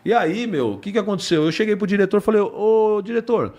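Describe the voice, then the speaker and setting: Older ex-cop telling a war story. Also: male voice, high-pitched, rapid-fire. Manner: lively anecdotal telling, acts out dialogue, swears casually. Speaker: retired police colonel, podcast guest. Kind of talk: storytelling in a podcast interview. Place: podcast studio.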